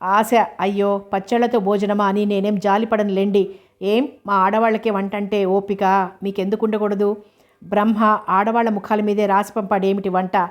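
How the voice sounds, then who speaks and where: A woman voicing a spirited young woman who answers back in a storybook reading, with a flat, level delivery. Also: mid-range voice, normal speed, close to an everyday voice. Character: spirited young woman Shalini, quick-witted.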